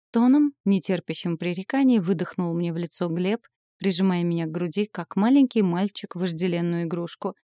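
A woman reading a romantic novel aloud in the first person, expressive and emotional. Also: lowish voice, no room sound, clean studio sound. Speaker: audiobook narrator.

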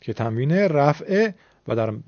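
A man's voice: fairly high pitch, expressive, a little mellow, no room sound. Man teaching recitation rules, dry muffled sound. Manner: explains rules step by step, models pronunciations. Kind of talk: instructional lesson.

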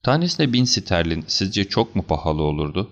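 A man doing a cool, deliberate detective. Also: low voice, big pitch swings. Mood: measured. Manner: measured, explanatory, slightly stern. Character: calm, assured male detective, cool and deliberate. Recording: slightly dull lo-fi recording.

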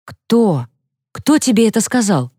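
Lady reading as an urgent teen girl, higher and pushy, dry sound. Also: sing-song, unhurried, warm tone, breathy edge, no echo. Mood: alarmed. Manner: raised, urgent, pleading. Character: teen girl, loyal best friend, pleading.

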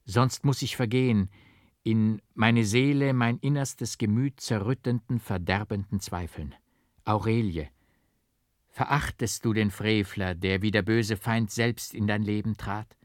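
A man voicing a remorseful monk who pleads slowly and solemnly. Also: fairly low pitch, no echo, studio quality, close to an everyday voice. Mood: anguished pleading.

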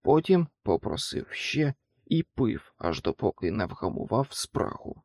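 A man narrating an adventure story in a steady, measured storytelling voice. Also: on the low side, dry recording, clean studio sound. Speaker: audiobook narrator. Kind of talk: scripted narration.

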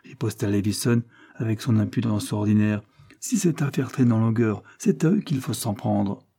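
Male audiobook narrator, dark and husky, measured dramatic reading of a classic novel. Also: fairly low pitch.

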